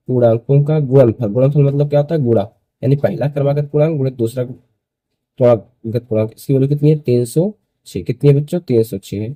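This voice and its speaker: A young man in his early twenties teaches a school maths lesson step by step, at a medium pitch with a very dark, soft-edged tone. He repeats key phrases and keeps asking questions he then answers himself. The sound is close and dry, with no room sound.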